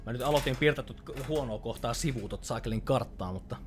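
A man's voice: medium pitch, over music. A young Finnish man commentating a horror game as he plays, chatty and easily startled, swearing when scared. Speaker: let's play host. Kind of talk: live gameplay commentary.

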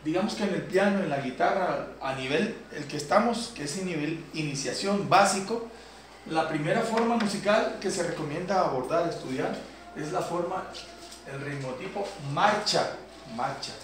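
A man's voice: a little high, normal speed, slight background noise. Male piano teacher in an echoey classroom. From Colombia. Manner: explanatory, checks in with the class with a questioning "¿sí?". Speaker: piano instructor. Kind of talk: classroom lesson. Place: community center classroom. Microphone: far camera. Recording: roomy echo, distant mic. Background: piano keyboard playing.

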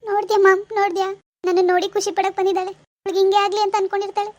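A woman's voice: extremely high pitch, flat delivery, very fast, slight background noise. A woman voicing a bitter, grieving young wife. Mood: furious. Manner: bitter, accusing, tearful. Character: bitter young woman who lost her baby. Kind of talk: animated village drama voice acting.

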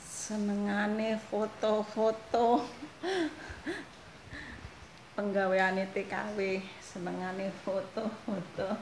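A woman's voice: mid-range voice, flat delivery, very slow, long pauses, a little mellow. A woman from Indonesia, chatting casually to her viewers in a vlog and laughing often. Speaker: vlogger. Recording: echoey room, faint noise.

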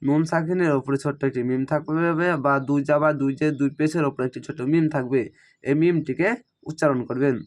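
Man slowly spelling out recitation syllables. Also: a little high, steady tone, a little mellow. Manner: spells out syllables slowly, then recites each word drawn out. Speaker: Quran reading teacher. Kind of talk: step-by-step recitation lesson.

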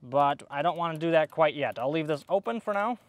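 Standing outdoors by an AC unit, a young male HVAC technician walks through a hands-on repair step by step. He speaks fairly quickly in a higher voice with lively intonation, and there's no echo.

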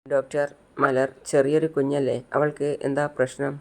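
A man's voice: mid-range voice, level tone, normal speed, darkish tone, lightly acted. A man doing a worried, earnest guardian. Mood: anxious. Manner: anxious, earnest.

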